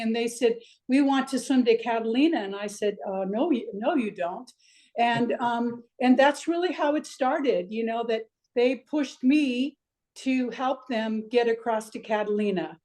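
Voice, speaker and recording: An older Icelandic swim coach reflects chattily during a video-call interview, using lots of fillers. Her voice is on the high side, a little slow, and a little mellow.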